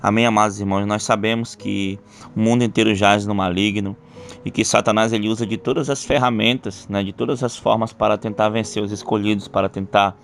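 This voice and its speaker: A man, an apostle, giving a measured sermon commentary, often adding little tag questions. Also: on the low side, steady tone, gravelly. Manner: measured preaching with frequent "né".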